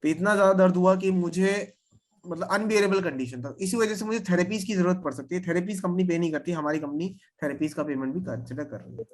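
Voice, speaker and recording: A man's voice: sits high, fast. A man leading an insurance training session, explaining policy points with confidence and often checking that everyone follows. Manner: confident, repeats 'theek hai' to check understanding.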